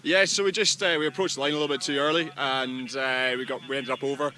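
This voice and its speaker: A Scottish man, a sailor, speaking outdoors in a relaxed, modest post-race interview. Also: medium pitch, fast talker. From Scotland. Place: outdoors on the water.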